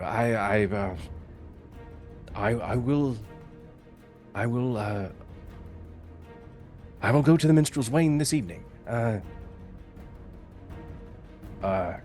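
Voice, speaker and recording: A man's voice: medium pitch, expressive, slow, long pauses, darkish tone, soft background music. A man voicing a flustered, bashful young man who stammers and hesitates.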